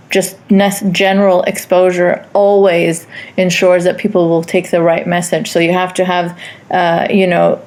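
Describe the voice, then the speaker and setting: A woman hosting a podcast panel, speaking in a measured, firm way. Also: on the low side, darkish tone. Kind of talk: casual podcast discussion.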